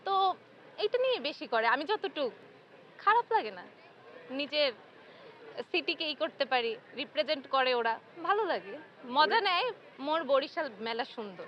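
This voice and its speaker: Young woman, from Barishal, high voice, relaxed and cheerful, street interview, faint crowd, muffled. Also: measured pace, long pauses, a little hiss or hum. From Barishal, Bangladesh. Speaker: interviewee at a book fair. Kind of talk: casual street interview answer. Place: outdoors at a busy fair. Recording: muffled outdoor recording with crowd behind.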